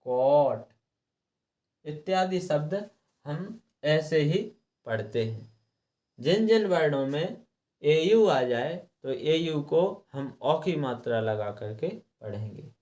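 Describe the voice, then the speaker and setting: A male teacher gives a slow, step-by-step lesson in a slightly high voice. He talks unhurriedly, repeats each rule several times and sounds out letters one at a time. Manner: clears throat now and then. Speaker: English reading teacher.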